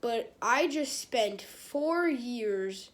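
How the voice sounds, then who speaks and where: A woman's voice: fairly high pitch, animated. A woman reading a children's book aloud, stopping and restarting phrases and turning aside to chat with her live audience. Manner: halting, with many restarts and repeated phrases. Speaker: read-aloud host.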